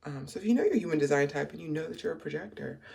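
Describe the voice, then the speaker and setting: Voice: mid-range voice, expressive, racing, gravelly, mellow, slightly rough. A person in their thirties, a spiritual life coach, talking through a casual morning vlog in a groggy just-woke-up voice, rambling and reflective with many fillers and restarts. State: groggy morning voice after little sleep.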